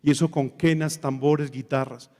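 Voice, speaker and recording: Priest, mellow voice, animated teaching with bits of sung hymn, long hall reverb. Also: male voice, medium pitch, normal speed. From Colombia. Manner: animated, sings snatches of hymns and acts out quotes. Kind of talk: liturgy talk.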